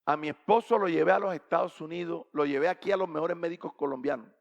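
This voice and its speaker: A woman's voice: lowish voice, fast talker, creaky, muffled recording. A man putting on a stubborn rich old lady. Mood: proud. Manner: firm refusals, rising to shouts.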